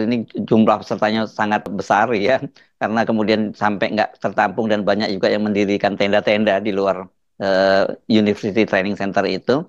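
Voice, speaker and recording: A man hosts conversational news commentary. His voice sits fairly low and he speaks haltingly. The recording is dry and a little dull. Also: no room sound. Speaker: commentator, host.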